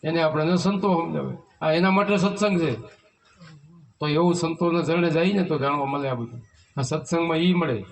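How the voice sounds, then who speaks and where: A man preaches a devotional sermon in a notably high voice, keeping his listeners engaged with rhetorical questions and chanted hymn lines. He sits some way from the mic, so he sounds distant. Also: normal speed, creaky, a little hiss or hum. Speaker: spiritual teacher leading a satsang. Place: devotee's home in a village. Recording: voice from far off the mic.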